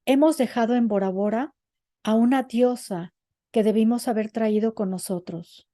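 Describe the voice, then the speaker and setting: A woman voicing an elderly female seer who talks with urgent, hushed certainty. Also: a little high, moderate pace, no room sound, studio quality, natural voice.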